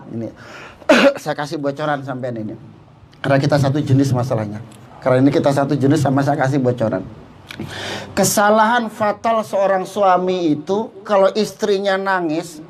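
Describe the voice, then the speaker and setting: A man preaches in a joking, conversational way, speaking to the listeners as if they were friends. His voice sits high for a man. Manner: jokey, addresses listeners directly, mixes in Javanese phrases. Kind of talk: humorous religious talk.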